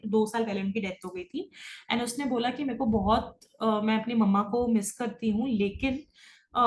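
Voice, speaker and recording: A middle-aged woman teaching an online spiritual class, talking fast and often checking that her students follow. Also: fairly high pitch, reverberant. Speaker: Akashic records teacher. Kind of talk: online class lecture, Hindi-English mix.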